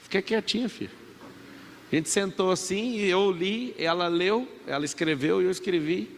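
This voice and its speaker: Brazilian man in his thirties, gravelly and a touch high, emphatic motivational speaker, reverberant hall with faint noise. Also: moderate pace. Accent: Brazilian Portuguese. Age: 30s. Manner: emphatic, preachy, has the crowd repeat after him. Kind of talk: motivational talk to a live audience. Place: large event hall.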